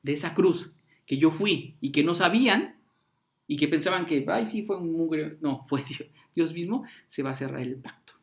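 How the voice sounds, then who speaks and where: Animated preacher, man. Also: on the high side, normal speed. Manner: animated, acts out crowd voices with slang. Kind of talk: sermon.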